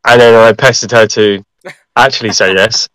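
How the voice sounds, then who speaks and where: A man's voice: lowish voice, steady tone, moderate pace, a bit bright, dry recording, rough recording. Cheeky Essex man bantering, close and dry. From Southend-on-Sea, Essex, England. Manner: jokey, cheeky, slangy. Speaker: interview guest, event compère. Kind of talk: casual banter.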